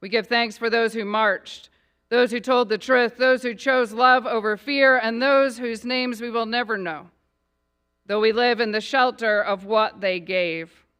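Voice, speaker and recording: A woman pastor leads a public prayer in a Northern Irish accent blended with American tones. Her voice is bright and clear, and her delivery is measured and rhythmic. She lets each line settle before the next. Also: a little high, fairly even intonation. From Northern Ireland.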